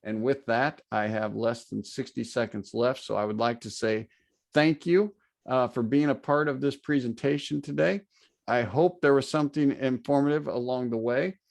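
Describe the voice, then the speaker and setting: A man's voice: mid-range voice, normal speed, creaky, a little mellow. Earnest man wrapping up a webinar talk. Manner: self-deprecating, filler-heavy, earnest. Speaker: guest presenter. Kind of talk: webinar presentation. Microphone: video call.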